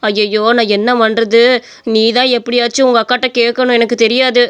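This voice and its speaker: A woman voicing a gentle, worried elderly mother-in-law in a cartoon story, speaking softly and fretfully. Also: fairly high pitch, little pitch movement, a little fast, smooth, pitched below the performer's own voice, lightly acted.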